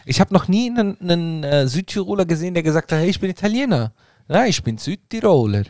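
Relaxed man chiming in on a podcast. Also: high voice, fast, no echo, clean studio sound. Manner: relaxed, many short agreeing replies. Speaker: podcast co-host. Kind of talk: casual podcast chat.

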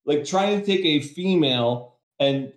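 A man's voice: a little high, animated, measured pace. Man ranting in an echoey room. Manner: opinionated, ranting. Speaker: podcast co-host. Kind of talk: casual podcast chat. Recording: roomy echo.

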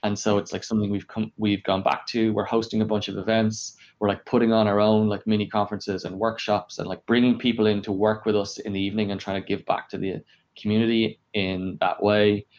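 Speaking a little fast in a fairly low, level voice with a darkish tone, a man answers interview questions about his experience as an engineering leader. His explanations are emphatic and filler-heavy, with plenty of "like" and rhetorical questions, and the audio is dull.

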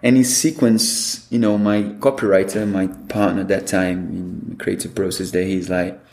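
Telling stories as an interview guest, a Brazilian Portuguese-accented man animatedly acts out quoted dialogue. He speaks in a low voice at normal speed, in an echoey room.

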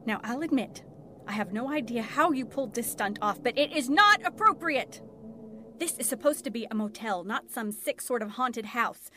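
High-voiced, indignant motel guest. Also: female voice, animated, normal speed. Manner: prim, exasperated, sharp-tongued. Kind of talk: horror-comedy audio drama acting. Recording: clear background ambience noise.

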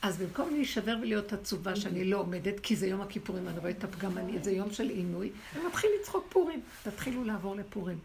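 A woman's voice: medium pitch, hardly any pauses, darkish tone. A middle-aged woman teaching a religious women's class, exhorting and challenging her listeners. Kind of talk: spiritual class with questions from listeners. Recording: noisy room recording.

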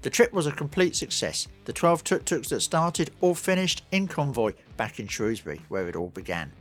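A man's voice: mid-range voice, lively intonation, moderate pace, faint music behind. A man narrating scripted travel stories as a podcast host.

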